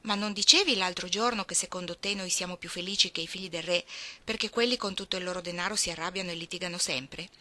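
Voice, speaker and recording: A gentle, shy girl who keeps the peace and speaks softly with sighs, as a woman reading the story puts her on. Her voice sits lowish and bright. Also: fast. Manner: soft, sighing.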